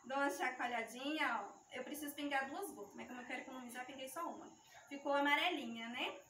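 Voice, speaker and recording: A woman leads a youth ministry talk, walking her listeners through a hands-on demonstration in an explanatory, slightly nervous way. Her high, bright voice is picked up from a distance, with echo from the hall and a faint hum of the room behind her. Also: fast talker. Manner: explanatory, talks the audience through each step. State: shaky with nerves. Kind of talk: teaching talk with a live demonstration. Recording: echoey room mic from far off.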